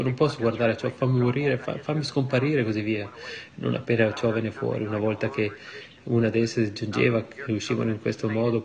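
Gravelly male preacher, fervent sermon. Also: medium pitch.

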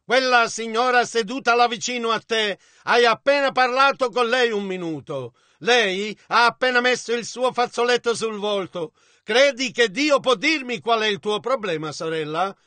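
A man reading an Italian voice-over of a sermon in a measured, even way on a close mic. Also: extremely high pitch, no echo. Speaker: interpreter voice-over.

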